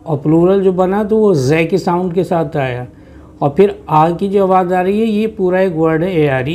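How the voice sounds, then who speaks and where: A man gives a patient lesson on English pronunciation, explaining in Hindi. He repeats phrases and draws out each sound slowly so learners can follow. His voice sits a little high for a man. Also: warm tone. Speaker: English teacher.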